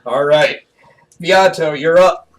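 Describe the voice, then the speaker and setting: A man's voice: a little high, slow. A man running a tabletop game as game master, calling turns and ruling on actions with frequent laughs. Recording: distant mic with faint noise.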